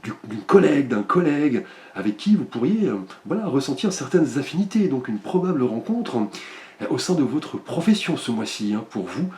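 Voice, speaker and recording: A man giving a monthly tarot and astrology card reading, speaking gently with many fillers. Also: medium pitch, sing-song, moderate pace. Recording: roomy echo.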